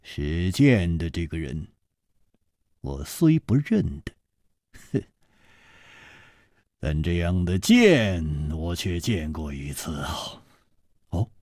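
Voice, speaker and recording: A man's voice: on the low side, a little mellow, no echo, clean studio sound, voice pushed down. A man voicing a gracious, modest male swordsman hero who laughs easily as he talks, in a storytelling performance. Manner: easy laughing asides.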